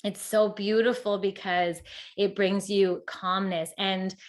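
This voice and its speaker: A woman's voice: mid-range voice, flat delivery. A woman author being interviewed, speaking passionately in a casual way, with frequent "like" fillers. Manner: passionate, talks in quick bursts with many "like" fillers. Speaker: author and guest.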